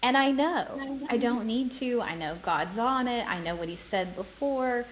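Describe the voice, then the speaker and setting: A woman co-hosting a podcast, speaking in an encouraging, animated, casual way. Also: on the high side, normal speed, slight background noise, low-quality recording. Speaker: podcast co-host. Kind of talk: casual chat.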